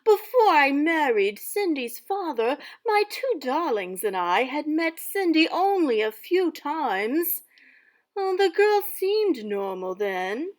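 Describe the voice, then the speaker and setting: A woman reading aloud as a haughty, exasperated wicked stepmother, narrating in a loud, theatrical storybook voice. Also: high-pitched, pitched above the performer's own voice, heavily acted.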